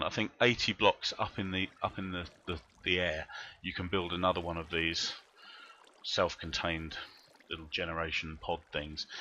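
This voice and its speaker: Low-voiced man streaming a game. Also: bright, forceful tone, lo-fi sound, a little hiss or hum. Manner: rambling, thinking aloud while playing. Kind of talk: live gameplay commentary.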